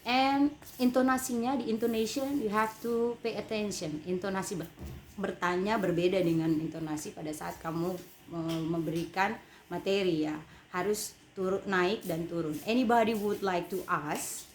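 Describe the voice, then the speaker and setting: A woman's voice: medium pitch, fairly even intonation, moderate pace, a little hiss or hum. A woman with an Indonesian accent teaching an English lesson. She explains step by step and repeats each point in two languages. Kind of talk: bilingual online lesson.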